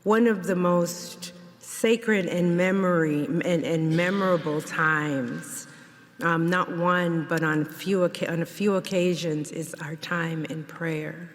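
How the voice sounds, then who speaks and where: A woman from Jamaica giving a memorial eulogy in a church, speaking in a measured, reflective way. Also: on the low side, fairly even intonation. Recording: long church reverb.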